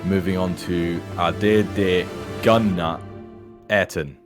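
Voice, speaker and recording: Deep-voiced laid-back man running the game. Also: steady tone, takes it slowly, music in the background. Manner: chatty, laid-back, calls players mate. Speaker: dungeon master. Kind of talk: casual tabletop game introduction.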